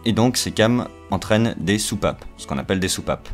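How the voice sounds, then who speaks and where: A young man with a deep, low voice explains engine parts in a loose, chatty way. He pauses often on fillers, restarts his sentences and slips in teasing asides. Faint music plays underneath. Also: lively intonation. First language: French. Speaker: video creator explaining engines. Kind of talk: casual technical explanation.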